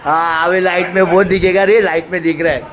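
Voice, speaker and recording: This man's voice sits high and fairly bright, with little movement in pitch, and he talks fairly quickly. Carrying a Marathi Mumbai accent, he films a casual family weekend vlog in a villa full of relatives, chatting, teasing and often laughing over the din of a noisy, crowded room.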